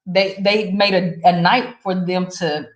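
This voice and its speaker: A woman co-hosting a casual talk show who tells stories with animated emphasis. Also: a little slow, lo-fi sound. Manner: animated, jumps high in pitch when emphatic. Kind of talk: casual storytelling chat. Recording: roomy echo.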